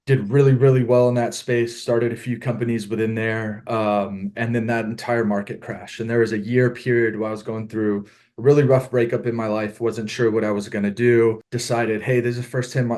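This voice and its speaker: A man's voice: lowish voice, darkish tone. A middle-aged man from Southern California, a podcast guest on a video call, telling his story in an earnest, reflective way. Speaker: podcast guest, apparel founder. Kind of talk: casual interview storytelling.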